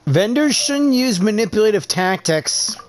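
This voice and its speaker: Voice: medium pitch, expressive, a little slow, faint music behind. A woman making casual reactions as she plays a game. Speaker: player commenting on a game.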